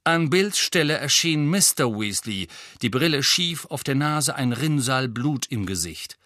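A male audiobook narrator reads a novel with a dramatic, theatrical delivery. His voice sits at an ordinary middle pitch for a man. The recording is close and dry, with no room sound. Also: expressive, a little slow, no room sound. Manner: dramatic reading that rises sharply for shouted lines. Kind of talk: scripted fiction narration.

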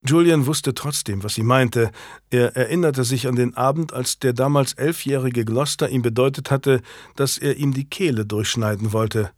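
A man's voice: mid-range voice, normal speed, dry recording. Man reading an audiobook, dry sound. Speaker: audiobook narrator. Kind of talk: scripted narration.

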